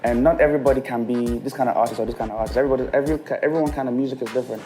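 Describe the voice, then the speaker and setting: Speaking at a racing pace in a mellow, mid-range voice with fairly even intonation, a guest musician in his thirties chats casually over soft background music. Raised in England and touched by speech, he laughs often and does impressions of others' voices.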